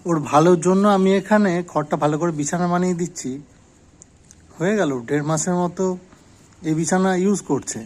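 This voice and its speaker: A man's voice: high-pitched, steady tone, a little fast, darkish tone. A man in casual talk, speaking to his pet rabbit while tidying its straw bed, scolding it with mock anger and teasing it. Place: rabbit enclosure with straw bedding.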